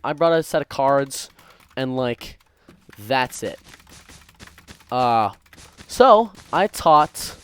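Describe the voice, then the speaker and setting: In a smooth, slightly bright medium-pitched voice, a young man draws out his words, swings widely in pitch, and pauses often. He's a gaming content creator telling stories while playing, rambling and cutting himself off in a distracted way, as keyboard clicks and typing sound faintly behind him.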